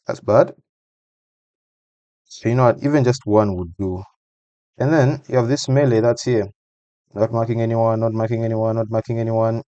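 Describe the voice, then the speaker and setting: A man's voice: on the low side, dark tone, no room sound, muffled recording. A man giving a casual voice-over breakdown of a football match, talking conversationally and repeating phrases for emphasis.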